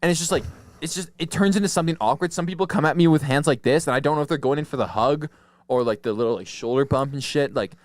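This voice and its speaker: A man's voice: a little high, quick pace, dry recording. A young man co-hosting a comedy podcast, talking casually with lots of swearing and laughter. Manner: animated, profane, laughs often. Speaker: podcast co-host.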